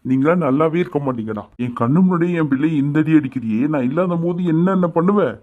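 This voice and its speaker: A man's voice: on the high side, animated, fast talker, natural voice. A man voices a furious middle-aged father in a cartoon, barking orders and scolding. The sound is thin and phone-like. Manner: angry scolding, shouting orders. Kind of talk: cartoon voice acting. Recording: tinny phone-like lo-fi audio.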